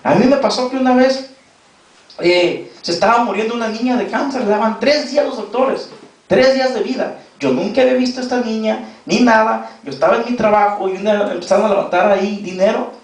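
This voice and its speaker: A man's voice: high voice, a little fast. A man with a Mexican accent preaching a sermon as pastor, telling a personal story and shifting his voice sharply for emphasis. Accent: Mexican Spanish. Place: church hall. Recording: very echoey church hall, distant mic.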